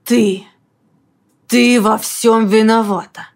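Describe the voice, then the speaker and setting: A woman voicing a furious man who speaks hoarsely and hisses his words slowly with menace. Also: a little high, steady tone. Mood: enraged. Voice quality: hoarse, hissing.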